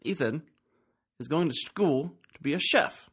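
A man's voice: on the high side, expressive, a little slow, husky. A young man hosting a casual podcast with a friend, teasing him and joking around. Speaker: podcast host. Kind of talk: casual chat.

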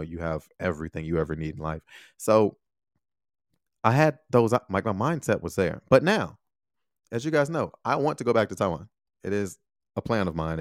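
A young man hosting his own podcast, talking straight to his listeners in a casual, animated monologue full of questions. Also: deep voice, dry recording, clean studio sound. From United States. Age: young adult. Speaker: podcast host.

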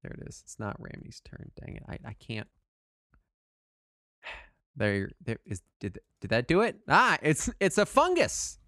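A man's voice: mid-range voice, unhurried, long pauses, no echo, studio quality. A man narrating a tabletop game as game master, often laughing and joking with a player. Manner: laughing, playful, lively.

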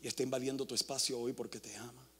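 A male pastor preaching a sermon, swinging from hushed near-whispers to loud, impassioned calls. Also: medium pitch, steady tone, quick pace, in a large hall, a little hiss or hum.

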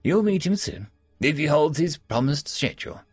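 A man's voice: fairly high pitch, very animated, normal speed, husky, no room sound, faint music behind, voice pushed up. A man voicing a roguish, charming male halfling in a story, chatty and gallant with small hesitations. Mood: gallant, sly.

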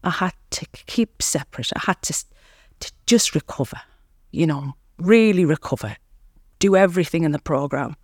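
A woman's voice: sits low, animated, moderate pace, no echo, studio quality. A woman guest on a podcast, telling her recovery story earnestly and reflectively, often repeating words and saying "you know". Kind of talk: candid recovery interview.

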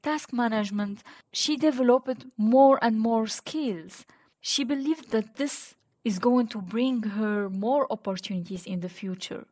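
Woman, Tunisian North African accent, slightly high pitch, podcast host, scripted narration. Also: a little mellow.

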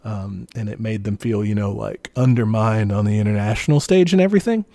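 A man explaining history in a relaxed podcast chat, peppered with "like" and "you know". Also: fairly low pitch, fairly quick, vocal fry, dry recording.

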